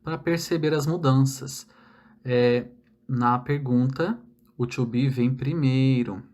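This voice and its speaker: A man's voice: medium pitch, slow pace, darkish tone. A young Brazilian man teaching English grammar in an online lesson, explaining step by step and checking in with frequent tag questions.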